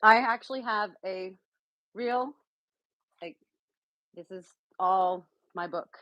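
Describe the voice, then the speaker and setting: A woman's voice: mid-range voice, slow pace, no room sound, lo-fi sound. Chatty woman guest cook, dry sound. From San Diego, California. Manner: chatty, lots of fillers. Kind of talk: casual cooking chat.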